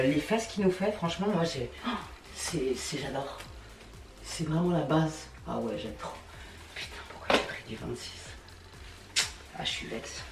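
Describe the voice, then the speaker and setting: A young woman vlogger chatting casually through a clothing try-on haul, slangy and swearing freely, swinging between excitement and grumbling. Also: on the low side, recorded from a distance, a little hiss or hum. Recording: echoey room, voice off-mic.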